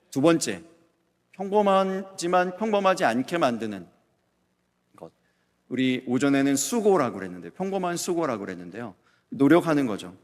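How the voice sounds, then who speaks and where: A middle-aged male pastor giving a Sunday sermon, swinging between loud emphatic peaks and soft, hushed storytelling. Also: medium pitch. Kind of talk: Sunday sermon with acted anecdotes. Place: church sanctuary. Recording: long church hall reverb.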